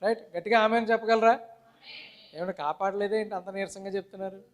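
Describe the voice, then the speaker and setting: High-voiced man preaching. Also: fairly even intonation, fast talker. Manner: call-and-response, asks congregation questions and amens; mixes English words into Telugu preaching. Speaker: pastor. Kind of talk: sermon.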